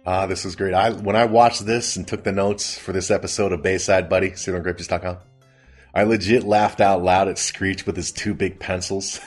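Brief: low husky guy, casual recap host, faint music under. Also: flat delivery, normal speed, hardly any pauses. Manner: laughs often, chatty and amused. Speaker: podcast host recapping a sitcom.

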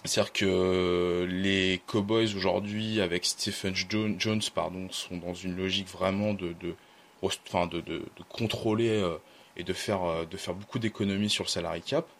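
A man's voice: low voice, steady tone, normal speed, a little hiss or hum. A man talking casually on a podcast, thoughtful and hesitant, with many fillers and restarts. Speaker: podcast guest, team fan.

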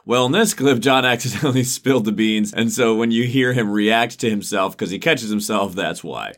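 A man's voice: lowish voice, normal speed. A man co-hosting a podcast, bantering casually and laughing often. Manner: giggly, lively, joking banter. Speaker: podcast co-host.

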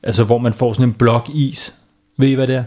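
A man's voice: medium pitch, steady tone, mellow. A man telling a bedtime story to children in a playful way, stopping to ask them questions.

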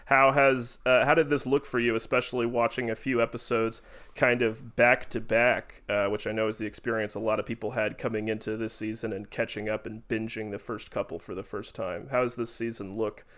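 A man's voice: fairly low pitch, level tone, fairly quick, a bit bright. A man hosting a podcast in casual chat, speaking fluently as he welcomes guests and steers the conversation. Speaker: podcast host.

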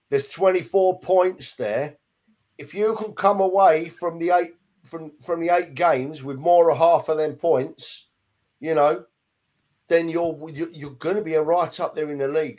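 A man's voice: a little high, a little mellow. A man chatting casually about football on a podcast, emphatic and full of "you know". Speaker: podcast co-host.

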